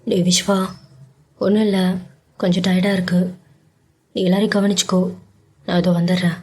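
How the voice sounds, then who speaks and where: A woman voicing an affectionate young man who coaxes and teases his love with brisk, playful talk in a storybook romance. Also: mid-range voice, level tone, darkish tone, husky, lightly acted. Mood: weary. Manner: brisk, coaxing and teasing. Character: affectionate wealthy young man, teasing and devoted.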